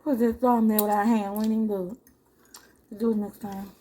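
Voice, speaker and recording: A woman's voice: medium pitch, flat delivery, moderate pace, mellow. A woman chatting casually with her viewers while eating, chewing as she talks. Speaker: host of an eating video.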